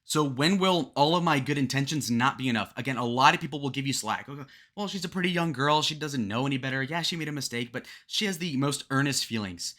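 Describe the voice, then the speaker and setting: Young male commentator, twenties, bright forceful voice, blunt and rambling. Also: mid-range voice, fast talker, hardly any pauses. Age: 20s. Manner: blunt, rambling, filler-heavy. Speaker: music commentator. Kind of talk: casual song breakdown commentary.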